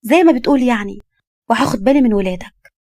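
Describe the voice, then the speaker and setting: A woman voicing a bold, teasing young woman in her twenties, with an Egyptian accent and quick comebacks. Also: a little high, lively intonation, mellow, no echo, studio quality. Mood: cheeky.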